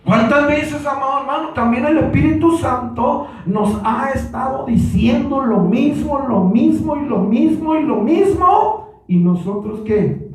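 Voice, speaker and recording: High-voiced slow preacher in echoey church. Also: male voice, animated, distant mic. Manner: repeats "hermanos" constantly, rising to shouts. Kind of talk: Pentecostal sermon. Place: church hall.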